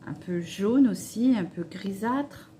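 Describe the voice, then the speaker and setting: Woman beauty vlogger, mellow tone, casual and hesitant, faint background hiss. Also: mid-range voice, lively intonation, takes it slowly. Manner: chatty, hesitant, with many fillers; swatching makeup on her hand while talking. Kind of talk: casual makeup review chat.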